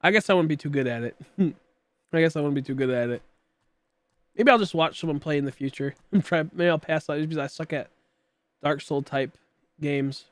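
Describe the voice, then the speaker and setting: Here a late-twenties man talks a little fast in a slightly high voice, broken up by long pauses, with no room sound. He's gaming on stream, rambling casually and joking about himself with his viewers and a friend.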